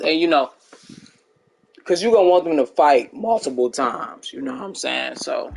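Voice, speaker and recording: A young gaming streamer with a mid-range voice chats with viewers while playing, laid-back and rambling as he talks to chat. The audio quality is poor.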